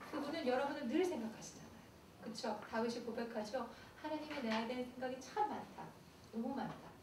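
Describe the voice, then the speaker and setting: A middle-aged pastor's wife giving a playful, confiding church camp lecture on dating in a large hall. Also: female voice, sits high. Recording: echoey hall, far mic, noisy.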